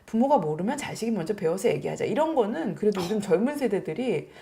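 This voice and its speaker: A woman co-hosting a casual discussion podcast, talking in an animated way and acting out family dialogue. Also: medium pitch, fast talker, gravelly. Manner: animated, acts out family dialogue in quoted voices. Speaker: podcast co-host.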